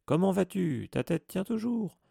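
A man's voice: mid-range voice, moderate pace, gravelly, mellow, no echo, clean studio sound. A man voicing a boisterous headless ghost knight who roars and teases in a jovial voice, in a storybook reading. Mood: roaring. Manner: roaring, jovial, teasing.

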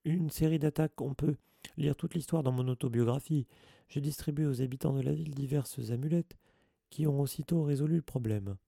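Un homme qui joue un professeur sorcier vaniteux, au ton pompeux et content de lui. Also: male voice, mid-range voice, fairly quick, gravelly, warm tone, no room sound, studio quality, pitched above the performer's own voice. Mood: vantard. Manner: pompous, self-satisfied. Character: vain boastful male wizard teacher.

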